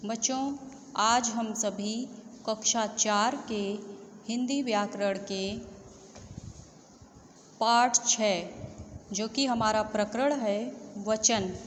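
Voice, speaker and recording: Slow, patient female Hindi teacher. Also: fairly high pitch, long reverb tail, a little hiss or hum. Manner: slow, patient explaining with repeated examples. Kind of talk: online grammar lesson for children.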